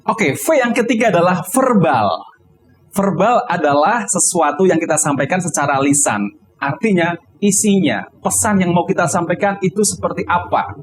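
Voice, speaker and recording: A man giving an instructional talk on public speaking, explaining step by step and acting out high and low tones. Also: moderate pace, slight background noise. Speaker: teacher.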